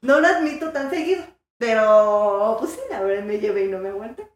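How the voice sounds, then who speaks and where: A young woman with a Mexican accent, an animated storyteller who acts out the voices in her story. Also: mid-range voice, fairly quick, heavy reverb. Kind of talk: casual chat.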